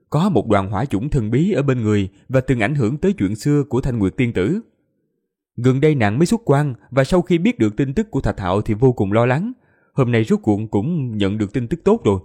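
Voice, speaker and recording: A man narrating a fantasy audiobook in an expressive storytelling manner. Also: mid-range voice. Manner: expressive storytelling, voices all characters.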